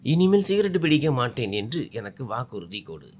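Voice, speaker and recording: A man's voice: medium pitch, very animated, moderate pace, voice pushed down. A man voicing a troubled young husband in a spoken story, firm but caring. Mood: gentle.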